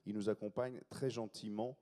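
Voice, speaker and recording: Guy hosting live on stage, rushed, keeps restarting, low dark voice. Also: fairly even intonation. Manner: hurried, improvising, self-interrupting. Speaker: festival panel host. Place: festival stage.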